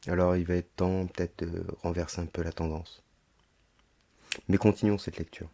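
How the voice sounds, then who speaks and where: Male podcast host, mellow low register, sore swollen-tonsils throat, reading with commentary, rhetorical questions. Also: flat delivery, moderate pace. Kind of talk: monologue reading a text aloud with running commentary.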